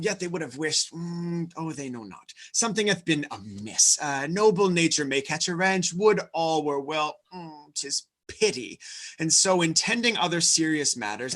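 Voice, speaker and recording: A faithful steward, anxious over his master's debts, played by a man in a live online play reading. The voice is bright, fairly high and earnest, with a pleading note in every line. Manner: earnest, pleading verse delivery. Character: loyal worried steward of a lord. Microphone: home microphone on a video call.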